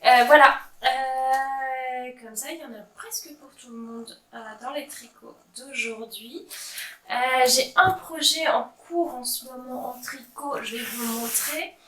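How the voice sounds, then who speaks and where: A woman in her thirties talks through her knitting projects in a loose, rambling way, full of hesitations and self-mocking asides. Her voice sits a little high. She sounds set back from the mic in an echoey room. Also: unhurried, bright, forceful tone, far from the mic. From France. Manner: chatty, many "euh" fillers, self-mocking. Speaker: knitting vlogger. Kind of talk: casual show-and-tell chat.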